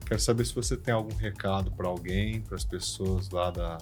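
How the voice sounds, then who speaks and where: A man's voice: deep voice, steady tone, normal speed, darkish tone, soft background music. A Brazilian man talking casually as the host of an interview podcast.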